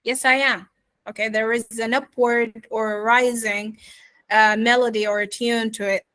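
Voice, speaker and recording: Woman accent coach on a video call, higher voice, unhurried, dry close sound, constant "okay?" check-ins. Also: little pitch movement, fairly bright tone. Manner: checks in with "yeah?" and "okay?" after nearly every phrase; repeats model words slowly for students to echo. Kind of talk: live online pronunciation lesson.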